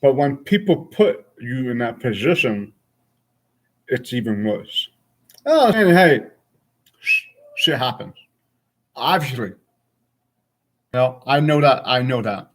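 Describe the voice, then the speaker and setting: A man's voice: mid-range voice, big pitch swings, takes it slowly, long pauses. A man of forty chatting casually and frankly with his stream viewers, rambling from thought to thought. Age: 40s.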